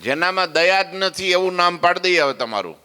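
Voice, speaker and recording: A man's voice: high-pitched, expressive, brisk, pushed and bright, clean tone, big-room sound. A man telling a devotional story as a preacher, acting out the characters and asking listeners questions. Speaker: katha preacher.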